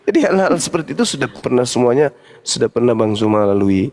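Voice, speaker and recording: An older man, hosting a casual chat and giving fatherly, lecturing advice with animated stories. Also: mid-range voice, fast, vocal fry. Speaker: host.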